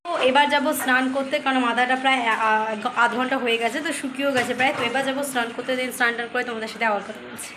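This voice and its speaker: A hoarse young woman chatting casually to the camera in a vlog, showing things around her home kitchen. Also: high-pitched, steady tone, racing. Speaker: vlogger. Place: busy home kitchen, indoors. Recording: echoey room with loud household noise.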